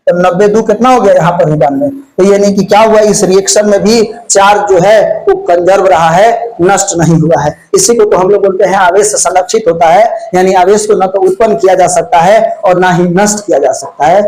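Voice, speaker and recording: In a poorly recorded lesson, a man with a high-pitched, darkish voice preps students for a physics exam, speaking at normal speed with few pauses. His style is folksy and chatty, posing questions and answering them himself. The classroom lights are on and insects fly about.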